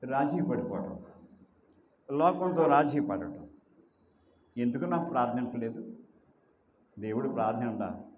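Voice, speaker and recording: A man's voice: medium pitch, lively intonation, a little mellow, muffled recording. Male pastor, sermon, emphatic, rhetorical questions, roomy echo, faint hum behind. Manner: emphatic, rhetorical questions, drawn-out repeated phrases.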